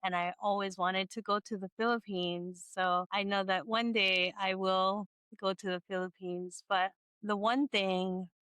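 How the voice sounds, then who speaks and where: Chatty woman, smooth dry voice. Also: mid-range voice, fairly even intonation, unhurried, hardly any pauses, fairly bright tone, dry recording. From Hawaii. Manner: chatty, laughs often, rambling restarts. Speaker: podcast host. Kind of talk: casual conversational interview.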